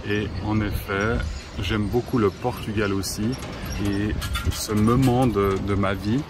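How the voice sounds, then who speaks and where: A man, a teacher vlogging outdoors at a zoo in a slow, hesitant way with many pauses. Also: lowish voice, fairly even intonation, noisy background. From Switzerland. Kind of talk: casual vlog narration.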